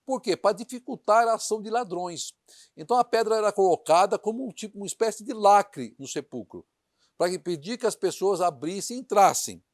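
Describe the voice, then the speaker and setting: Earnest high-voiced male preacher. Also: animated, fairly quick, no room sound, clean studio sound. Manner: earnest, addresses listeners directly with questions. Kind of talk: sermon with scripture reading.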